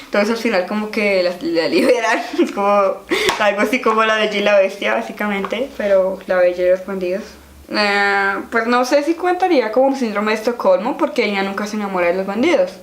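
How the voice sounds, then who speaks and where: A young woman chatting about a children's book in an animated, giggly way. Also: medium pitch, a little fast, slight background noise. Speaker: vlogger reviewing a children's book. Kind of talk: casual book-review vlog. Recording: echoey room with background music.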